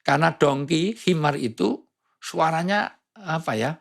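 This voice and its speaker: A male preacher chatting on a talk show with a gravelly, husky voice pitched a bit high. He jokes and plays with sounds as he makes his points. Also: measured pace. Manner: joking, playful, imitates sounds. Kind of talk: humorous preaching in conversation.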